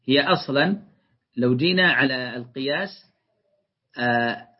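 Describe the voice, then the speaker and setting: A man's voice: mid-range voice, normal speed, husky. A man teaching a lesson on Quran interpretation, reading classical passages aloud and explaining them step by step while checking that his listeners follow. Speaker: teacher commenting on a tafsir text. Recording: dull lo-fi lecture recording.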